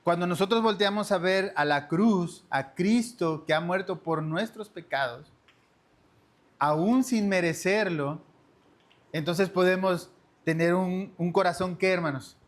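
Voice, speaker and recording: A man's voice: high-pitched, a little slow. A man teaching a church discipleship lesson in an earnest sermon style, often addressing his listeners as brothers and sisters.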